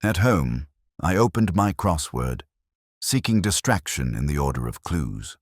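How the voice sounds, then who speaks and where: A man playing a melancholy, cerebral police inspector, narrating a murder case in a measured, formal, literary first person. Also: a bass voice, very animated, slightly rough, dry recording, studio quality, exaggerated voice. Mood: brooding, reflective.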